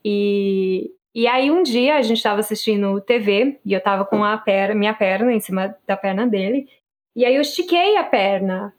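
A woman podcast host, chatting casually and telling stories with quick, animated asides. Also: mid-range voice.

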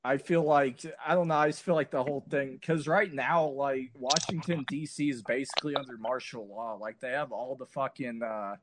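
A male podcast host with a mid-pitched voice rants with energy, piling up clauses and casual swearing. He laughs along with his guest between points. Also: moderate pace, few pauses. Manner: animated, ranting, swears a lot.

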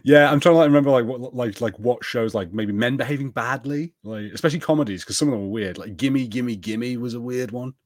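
A podcast co-host chats casually, rambling with many fillers and restarts. His voice is mid-range and fairly quick with few pauses, and the sound is clean studio audio without echo.

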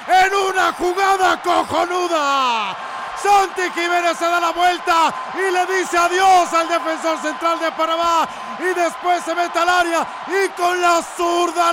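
A man calling a football match in breakneck goal commentary, with impassioned, repeated cries. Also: extremely high pitch. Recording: noisy match broadcast over crowd roar.

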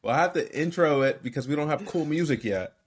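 A man co-hosting a casual podcast, talking in a relaxed, hesitant way with lots of fillers. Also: a little high, fast talker, slightly rough. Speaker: podcast co-host.

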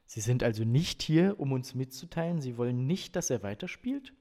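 A man's voice: medium pitch, expressive, moderate pace, warm tone, long reverb tail, lightly acted. A worried mother who keeps asking pointed, pressing questions. Her voice sits a little raised in level, as a man reads her part from a book. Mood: probing.

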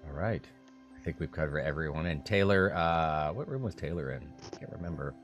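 A man narrating as game master, recapping and setting scenes for a tabletop game in a lively storytelling way. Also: very deep voice, faint music behind. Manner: lively storytelling, dramatic pauses.

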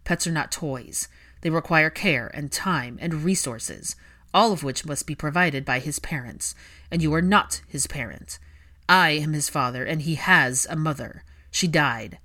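A woman's voice: low voice, moderate pace, fairly bright tone. Woman doing cold, curt Draco. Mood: cold anger. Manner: dry, terse, controlled. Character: cold, curt young man, clipped and angry. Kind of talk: audiobook fiction reading.

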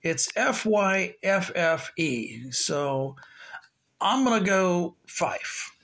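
A man's voice: sits high, big pitch swings, extremely slow, gravelly, fairly bright tone. A man hosting his own podcast, chatting in a loose, rambling way with plenty of fillers. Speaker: podcast host. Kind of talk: casual solo podcast talk.

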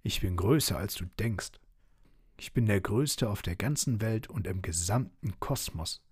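A man's voice: fairly low pitch, expressive, unhurried, dry recording, studio quality, heavily acted. A man growling as a boastful wild dog. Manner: gruff, gloating and menacing. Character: big boastful hungry male wild dog.

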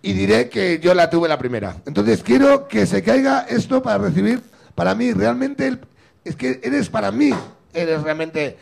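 A middle-aged man from Spain hosting a comedy show, telling a story with a gravelly, husky voice and acting out both sides. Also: sits high, expressive, moderate pace, darkish tone, slight background noise. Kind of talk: stand-up style storytelling.

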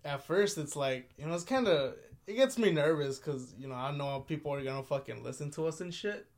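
A man's voice: on the high side, animated, fairly quick. A young man co-hosting a podcast in casual chat, talking loosely and laughing a lot. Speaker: podcast co-host.

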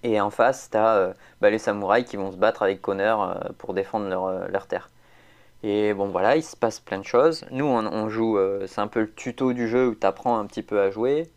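A man's voice: lowish voice, normal speed. A man, chatting casually as a podcast co-host, rambling with lots of fillers and restarts. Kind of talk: casual chat.

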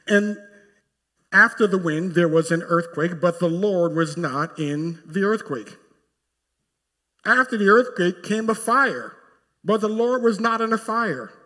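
A pastor with a bright, ringing voice, set a little high for a man, preaches in an emphatic way. His voice climbs to forceful peaks as he retells scripture. A long reverb from a church sanctuary hangs on every line. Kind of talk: sermon.

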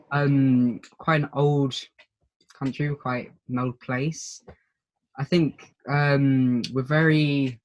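A British man from the United Kingdom answering questions in a casual group video chat, pausing often with ums. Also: medium pitch, muffled recording. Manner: hesitant, many pauses and ums.

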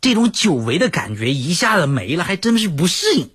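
A man voicing a cheeky ten-year-old boy who teases his father, with a husky, lively voice. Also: high voice, fairly quick, no echo, pitched above the performer's own voice, full character voice. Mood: teasing. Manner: mock-nostalgic, teasing.

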